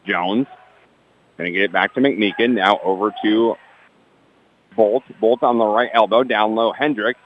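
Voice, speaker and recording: A man's voice: on the low side, fairly even intonation, lo-fi sound, a little hiss or hum. Man calling basketball play-by-play. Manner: rapid player-by-player calls, dry asides about the refs. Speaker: play-by-play announcer.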